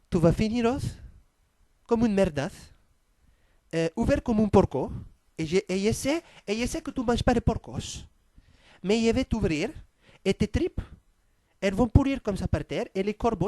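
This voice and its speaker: Guy doing a mean spanish queen, silly fake spanish accent, highish voice. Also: warm tone, no echo. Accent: mock Spanish. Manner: mangled fake-Spanish words, threatening. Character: haughty female Spanish queen, menacing. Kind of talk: comic sketch impression.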